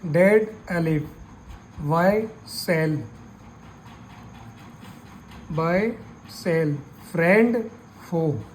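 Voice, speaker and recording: Slow-speaking male grammar teacher. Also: high voice, a little mellow, slight background noise, rough recording. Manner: slow, repetitive step-by-step explaining. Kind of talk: grammar lesson explanation.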